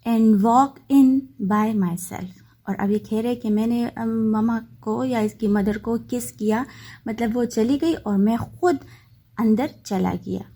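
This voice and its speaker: A woman teaching a textbook lesson, reading English lines slowly and then explaining them patiently. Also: a little high, mellow, husky. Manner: patient, checks in with "okay" often.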